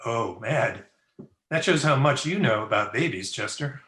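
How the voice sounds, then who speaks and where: A man's voice: mid-range voice, animated, unhurried, a bit bright. Man playing Doc Adams, crusty frontier doctor, roomy sound. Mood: wry, teasing. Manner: dry, bantering, folksy. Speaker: actor in an amateur radio drama. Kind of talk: old-time Western radio acting. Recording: roomy, echoey video-call recording.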